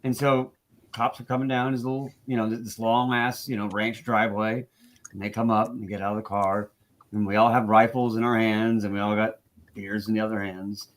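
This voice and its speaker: A man's voice: lowish voice, little pitch movement, brisk. A man hosting a casual stream with friends. He jokes and swears freely, and he tells stories at an easy conversational pace. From not from Texas. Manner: joking storyteller, swears freely. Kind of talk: casual chat.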